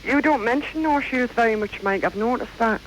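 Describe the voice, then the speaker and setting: A woman's voice: on the high side, fairly quick, a little hiss or hum, rough recording. Rambling woman caller. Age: around 50. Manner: rambling and hesitant, many fillers. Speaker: radio caller. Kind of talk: radio phone-in chat.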